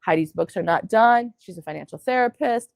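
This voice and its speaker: A middle-aged woman gives a classroom workshop talk with a strongly gravelly, creaky voice. The sound is dry and close. She tells lively stories, acts out what people said, and throws questions to her listeners. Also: mid-range voice, a little fast, dry recording. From United States. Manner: lively storytelling, quotes people in put-on voices, asks the audience questions. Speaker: workshop presenter.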